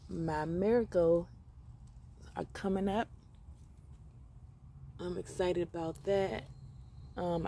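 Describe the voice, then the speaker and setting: A woman's voice: lowish voice, dark tone, a little hiss or hum. Chatty woman touring her garden outdoors. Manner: upbeat and grateful, chatty with many pauses and fillers. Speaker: home gardener giving a garden tour. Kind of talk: casual walk-through narration. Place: outdoor container garden on gravel. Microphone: phone camera held close while filming plants.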